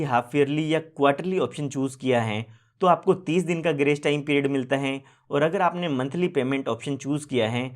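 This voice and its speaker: A man explaining an insurance plan step by step in a steady, methodical way. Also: medium pitch. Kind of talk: informational video explainer.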